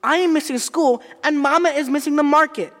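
A performer voicing an eager, anxious young boy who talks quickly and excitedly. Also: high voice, in a large hall.

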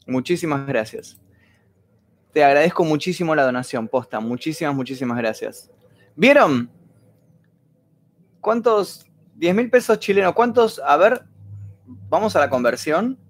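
A man's voice: fairly high pitch, very animated, unhurried, long pauses. A man with an Argentine accent hosts a casual livestream, rambling, reading viewers' stories aloud and thanking donors at length. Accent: Argentine Spanish. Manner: reads viewer messages aloud.

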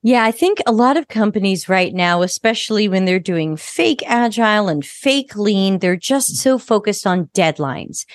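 A woman's voice: mid-range voice, expressive, moderate pace, hardly any pauses, no room sound. A woman speaking as a guest expert in a podcast interview, frank and a little sarcastic.

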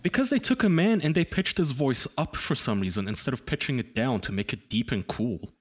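A man's voice: mid-range voice, expressive, fairly quick. A man giving casual, opinionated film chat in an emphatic, incredulous, sweary way.

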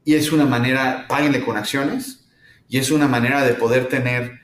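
A middle-aged man from Mexico with a Mexican accent, answering interview questions thoughtfully with many pauses and fillers. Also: medium pitch, steady tone. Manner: thoughtful, hesitant with frequent fillers. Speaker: startup founder, guest. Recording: roomy echo.

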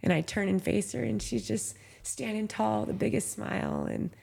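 Speaking at a moderate pace with fairly even intonation, a thirty-something woman from Southern California shares an emotional story on a podcast about her life as a professional trail runner. Candid and full of "like" and "you know," her mid-range voice is creaky, slightly mellow, and edged with breath.

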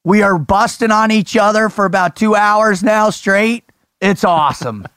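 An American man hosting a show, telling stories in an animated, slangy, bro-ish way. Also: high voice, unhurried, smooth, no echo, studio quality. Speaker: host of an interview show. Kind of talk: casual chat and storytelling.

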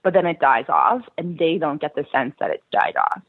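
A woman with a low voice explains exercises in a practical, reassuring way, often pausing on "um" and "you know". Her voice comes through a narrow, tinny phone line. The sound is dry, with no room around it. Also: animated, breathy edge, dry recording. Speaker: pelvic floor physiotherapist. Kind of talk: explanatory interview answers.

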